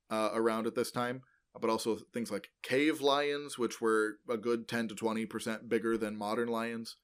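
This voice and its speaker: A smooth, medium-pitched man co-hosts a casual educational podcast, explaining paleontology. He rambles loosely and informally, corrects himself, and fills gaps with lots of ums, uhs, and "like."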